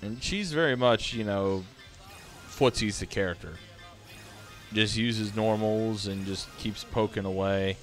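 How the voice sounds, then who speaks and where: Man, low voice, sleepy, easygoing game commentary, lots of ums, faint music behind. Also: unhurried. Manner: easygoing, thinking aloud with many fillers. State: sleepy, yawning. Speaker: live streamer commentating matches. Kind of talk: casual fighting game commentary.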